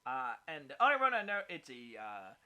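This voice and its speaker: A man hosting a casual gaming podcast, rambling with lots of fillers and getting excited as he runs through news. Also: medium pitch, brisk, clear, resonant tone. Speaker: podcast host. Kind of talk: casual chat.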